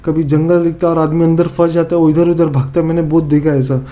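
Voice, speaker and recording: A man with a Northeast Indian accent telling a horror story in a casual, animated way, acting out his friends' lines with many fillers and repeats. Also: a little high, quick pace.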